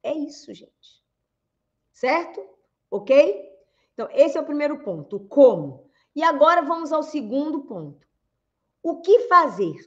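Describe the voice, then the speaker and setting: A woman's voice: high voice, very animated, measured pace, dull audio. A woman with a Brazilian accent coaching on communication in a lecture, asking rhetorical questions and acting out quoted speech. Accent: Brazilian Portuguese. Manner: rhetorical questions, calls listeners "gente", acts out quoted speech. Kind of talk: lecture to an audience.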